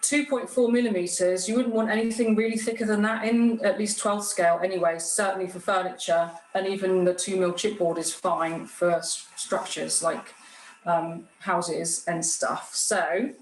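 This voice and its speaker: A woman's voice: medium pitch, steady tone, normal speed. Woman demonstrating crafts in an echoey room. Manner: explanatory, plain-spoken. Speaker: guest craftsperson demonstrating a cutting machine. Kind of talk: informal hands-on product demonstration. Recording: roomy echo with clear background noise.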